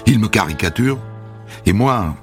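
A young man from Saint-Denis with a Paris-suburbs accent, narrating his own story in an animated, lively way. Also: fairly low pitch, moderate pace, soft background music. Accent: Paris suburbs French. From Saint-Denis, France.

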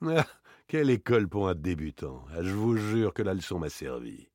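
A man's voice: deep voice, very animated, normal speed, darkish tone, no room sound, studio quality. Man voicing Arsène Lupin, proud and mocking. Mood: sarcastic. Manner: ironic, theatrical outbursts. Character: suave, proud male gentleman burglar, mocking and indignant. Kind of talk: audiobook character reading.

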